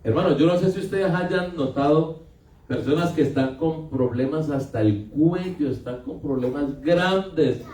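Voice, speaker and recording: A man's voice: a little high, a little slow, a little mellow. Preaching man in an echoey hall. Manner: conversational preaching, asks the congregation questions. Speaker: pastor. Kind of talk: sermon. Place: church hall. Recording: echoey hall, picked up from a distance.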